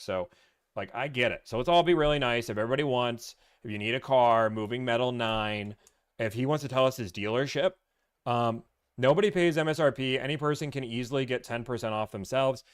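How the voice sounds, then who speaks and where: A man's voice: medium pitch, fairly quick, clear, resonant tone. A man hosting a casual live stream, rambling, teasing and answering comments from chat.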